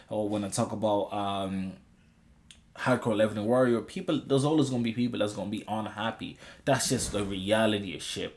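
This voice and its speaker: A man's voice: on the low side, a little mellow. A man giving a casual, rambling opinion monologue to viewers, slangy and sweary, often repeating himself and checking that listeners follow. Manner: repetitive, with frequent checking tags like a conversational rant. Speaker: video creator giving opinions on manga and music.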